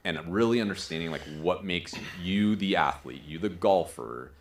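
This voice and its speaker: A man's voice: deep voice, animated, normal speed. A man hosting a podcast in a conversational interview style. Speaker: podcast host. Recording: roomy, echoing sound.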